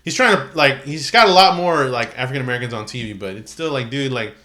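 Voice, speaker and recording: A man's voice: mid-range voice, quick pace, bright, forceful tone. A man hosting a podcast in a casual, slangy chat, peppering his talk with "dude" and "like". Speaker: podcast host. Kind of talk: casual chat about wrestling.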